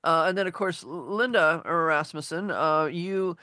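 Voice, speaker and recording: A woman hosting a radio talk show, chatting warmly with lots of fillers and gushing words. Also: low-pitched, measured pace, no room sound, studio quality. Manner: chatty and gushing, many fillers like gosh and golly. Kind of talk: casual radio chat. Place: radio studio. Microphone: studio microphone.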